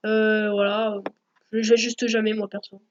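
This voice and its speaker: A woman recording a software tutorial at home, hesitant, full of fillers and self-corrections. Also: medium pitch, level tone, unhurried, muffled recording, a little hiss or hum. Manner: hesitant, many fillers, corrects herself often. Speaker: YouTube tutorial maker.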